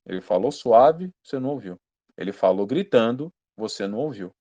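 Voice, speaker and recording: A Brazilian man preaching a sermon, emphatic and direct, sometimes speaking hard and sometimes dropping to a low, quiet storytelling tone. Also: lively intonation, a little fast, highs cut off.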